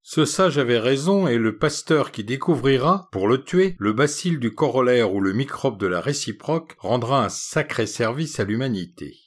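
A man narrating a humorous short story in a measured, wry manner. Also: mid-range voice, lively intonation.

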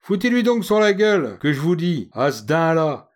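A man voicing a hoarse, brash, working-class Parisian young woman who shouts and scolds in a high, lively voice. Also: normal speed. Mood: brash, scolding.

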